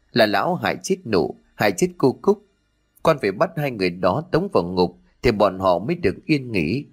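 A man voicing an earnest young village man who gives urgent, pleading testimony through tears. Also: on the low side.

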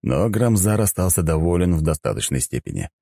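A man narrates a first-person audiobook in a low, deep voice. His tone is dark and mellow, and the sound is dry and close, with a steady storytelling read. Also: fairly quick, vocal fry, dry recording.

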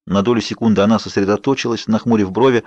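A man's voice: lowish voice, fairly even intonation, fast talker, darkish tone, no echo, muffled recording. Male audiobook narrator, dry close sound. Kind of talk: scripted first-person narration.

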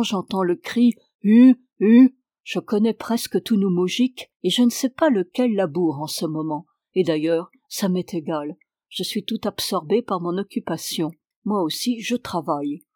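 A woman reading a classic story aloud in a measured, clear storytelling voice. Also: mid-range voice, a little mellow, no room sound, clean studio sound. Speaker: reader. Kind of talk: literary reading.

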